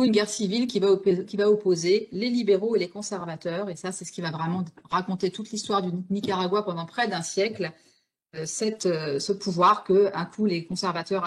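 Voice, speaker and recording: A woman giving an online illustrated history talk, explaining step by step with frequent fillers and self-corrections. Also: fairly low pitch. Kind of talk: spontaneous illustrated lecture.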